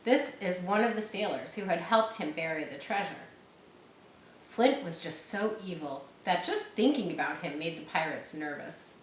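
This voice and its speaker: In an echoey room with some faint background noise, a woman reads a story to listeners and keeps stopping to clarify words and details. Her voice is on the low side, with lively intonation, and she checks that everyone is following.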